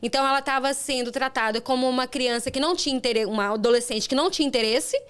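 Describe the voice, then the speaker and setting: A middle-aged Brazilian woman with a Brazilian Portuguese accent hosts a podcast and earnestly tells a personal story in a casual interview chat, restarting often. Her high voice moves quickly and sounds a bit bright, clear, and resonant.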